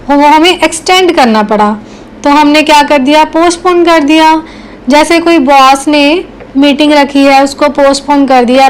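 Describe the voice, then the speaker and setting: Slow, high-voiced woman teaching English. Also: a little hiss or hum, low-quality recording. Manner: slow, repeats example sentences word by word; asks the learner questions, then answers them herself. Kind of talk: spoken English lesson for learners.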